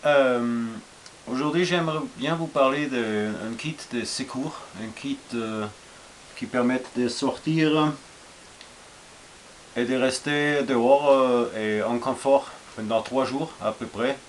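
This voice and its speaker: A man's voice: mid-range voice, slow, a little hiss or hum. Man with an Austrian accent, hesitant. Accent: Austrian German. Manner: hesitant, many fillers and restarts, relaxed and informal. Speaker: survival gear vlogger. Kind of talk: casual show-and-tell vlog.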